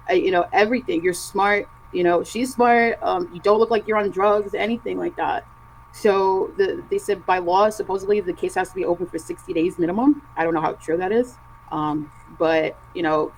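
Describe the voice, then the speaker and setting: A woman telling her personal story as an interview guest over a video call, halting and emotional, with many fillers and restarts. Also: on the low side, creaky, darkish tone, a little hiss or hum, low-quality recording. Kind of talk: personal account in an online interview.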